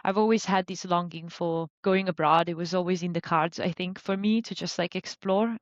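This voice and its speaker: A woman in her thirties from Italy, a business coach talking about her career in a relaxed, chatty way with many fillers. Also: fairly low pitch, normal speed, dry recording, lo-fi sound. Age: 30s. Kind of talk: conversational interview.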